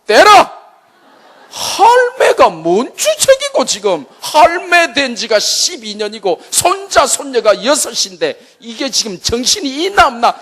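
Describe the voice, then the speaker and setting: A man voicing a blunt, scolding older husband with a Gyeongsang accent, shouting in exasperation. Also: very high voice, wildly swooping pitch, measured pace, voice pushed up, full character voice. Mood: exasperated scolding. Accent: Gyeongsang Korean.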